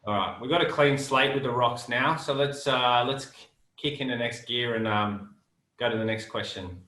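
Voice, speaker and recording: A man's voice: medium pitch, moderate pace, sharp tone. A man hosting a casual game show, chatting along in self-deprecating host patter. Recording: roomy echo, music underneath.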